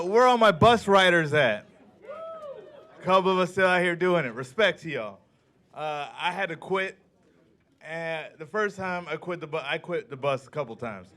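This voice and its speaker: Deadpan man doing stand-up. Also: on the high side. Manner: deadpan storytelling with acted-out quotes. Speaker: stand-up comedian. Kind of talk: stand-up set. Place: comedy club stage.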